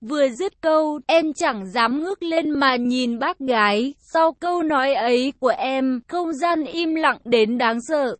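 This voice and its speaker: Slow, high-voiced woman storyteller. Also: dry recording. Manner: dramatic, emotional telling. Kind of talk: first-person story narration.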